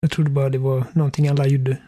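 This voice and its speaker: A young man co-hosting a casual chat podcast, teasing and playful and quick to laugh. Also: mid-range voice, little pitch movement, mellow, slight background noise. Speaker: podcast co-host.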